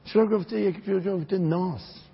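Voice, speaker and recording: An older man speaks as a religious scholar, preaching emphatically and reciting verses. His voice is gravelly and very husky. The recording sounds dull and lo-fi. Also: high voice. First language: Azerbaijani. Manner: emphatic, recites Arabic verses, repeats phrases for stress. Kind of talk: religious lecture in an interview.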